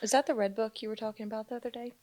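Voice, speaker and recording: A woman co-hosting a casual faith-based podcast, chatting and reacting quickly. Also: a little high, fairly even intonation, a little mellow, no echo. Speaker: podcast co-host.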